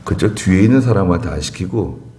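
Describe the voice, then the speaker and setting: A man's voice: low-pitched, lively intonation, brisk, mellow. A male pastor preaching a sermon in church, telling stories with chuckling asides. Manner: anecdotal storytelling, chuckling asides.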